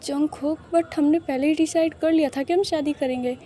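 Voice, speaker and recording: A sweet young man, easily flustered and quick to tears, put on by a woman telling a storybook romance. His voice sits high and soft, and he gushes with shy delight, mixing in English phrases. The tone is mellow rather than bright. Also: fairly even intonation, slight background noise, lightly acted. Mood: emotional. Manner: bashful, gushing, mixes English phrases.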